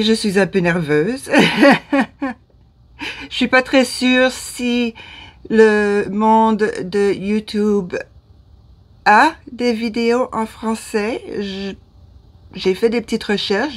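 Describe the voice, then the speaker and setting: A woman in her fifties from Ottawa with a Canadian French accent, talking to camera in a hesitant way, often losing her words and restarting. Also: medium pitch. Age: 50s. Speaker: vlogger. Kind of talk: casual talk to camera. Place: small room indoors.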